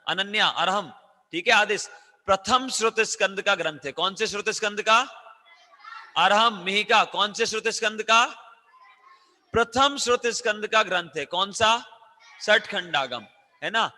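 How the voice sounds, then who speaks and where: Loud, bright-voiced man teaching children. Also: high voice, measured pace, long pauses, big-room sound. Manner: loud, coaxing, quizzing children with call-and-response questions. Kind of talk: interactive class for children.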